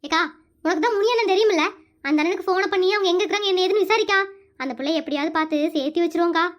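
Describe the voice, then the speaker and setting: The performer speaks very fast and very high-pitched, playing a chatty, caring village woman in an animated comedy. She sounds indignant, exclaiming and calling the other woman "akka" again and again.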